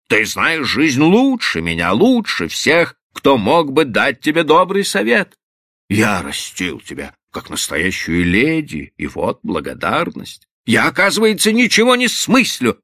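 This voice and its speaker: A man's voice: medium pitch, sharp tone, dry recording, clean studio sound, full character voice. A male reader voicing a sarcastic, hot-tempered older father in an audiobook, mocking and then thundering at his daughter. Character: stern older Irish-American father, sarcastic, furious.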